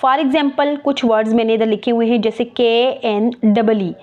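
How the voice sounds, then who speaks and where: A woman's voice: a little high, fairly even intonation, measured pace, dark tone. A woman teacher explaining a lesson, spelling words out letter by letter and repeating key terms. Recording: muffled lo-fi recording.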